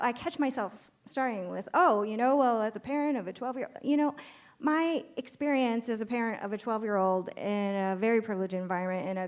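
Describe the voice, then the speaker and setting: A woman speaking as a panelist at a live podcast taping, making her point emphatically through rhetorical questions and frequent fillers. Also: mid-range voice. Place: conference stage before an audience.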